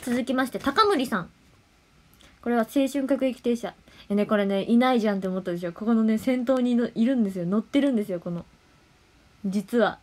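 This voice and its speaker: A young woman chats alone on a livestream from home. Her voice sits a touch high, and she moves between playful talk and hushed, murmured asides. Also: a little fast. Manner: chatty, playful, drops into soft murmurs and whispered thanks. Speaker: idol livestreamer. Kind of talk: casual solo livestream chat.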